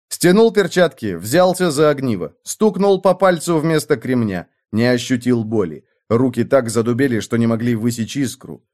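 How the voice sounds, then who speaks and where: A man's voice: medium pitch, a little mellow. A man reading a battle scene aloud in dramatic, rhythmic clipped phrases. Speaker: audiobook narrator. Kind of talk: scripted narration.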